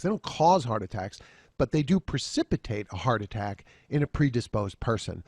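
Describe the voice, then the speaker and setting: A man's voice: mid-range voice, no echo. A man lecturing at a continuing education seminar, walking through slides and dropping dry joking asides.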